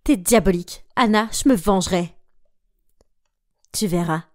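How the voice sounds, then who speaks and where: Shy sweet french teen girl, soft apologetic voice, woman doing it, dry. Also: medium pitch, a little slow, no room sound, close to an everyday voice. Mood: upset.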